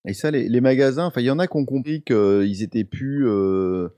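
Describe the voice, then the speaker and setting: A man's voice: medium pitch, moderate pace, warm tone, dry recording. Man from Paris, chatty and easy-going, full of fillers, dry close mic. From Paris, France. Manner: chatty, many fillers and restarts, laughs easily. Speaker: guest guitar expert with a guitar channel. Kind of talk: casual podcast chat.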